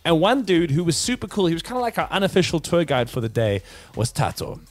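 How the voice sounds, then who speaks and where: A man's voice: a little high, fast talker, faint music behind. A man from South Africa hosting a travel show, talking straight to the viewer with energy. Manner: energetic, addresses the viewer directly. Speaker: host. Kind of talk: upbeat presenter links.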